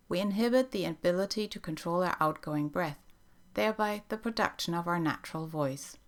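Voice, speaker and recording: Woman reading a voice training lesson, kinda low voice, calm and steady. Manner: calm, measured instructional delivery. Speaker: voice trainer narrating for teachers. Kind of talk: scripted educational narration.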